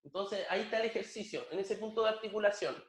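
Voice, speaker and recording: A man's voice: high-pitched, fast, roomy sound. A man teaching an online language lesson, patiently repeating words and drilling pronunciation.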